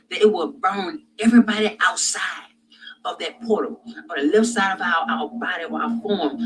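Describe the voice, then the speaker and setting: Man recounting a dream, high voice. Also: a little hiss or hum, rough recording. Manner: halting, many restarts and fillers, grows loud and intense. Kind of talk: personal dream testimony.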